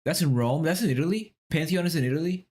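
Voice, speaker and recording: A man's voice: on the high side, expressive, fast talker, a little mellow. A young man streaming, casually thinking aloud through a word puzzle, muttering guesses, swearing now and then and asking his chat whether he's right.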